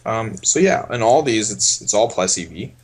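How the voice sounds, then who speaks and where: A man coaching poker on a casual stream, thinking aloud in a relaxed way as he explains each hand. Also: lowish voice, normal speed.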